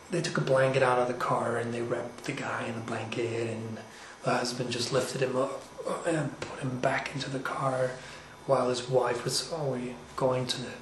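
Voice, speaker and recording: Male storyteller, relaxed and chatty with lots of asides; roomy echoey room. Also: mid-range voice, slight background noise. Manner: loose and conversational, with frequent "you know" and "like" asides. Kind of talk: casual spoken storytelling.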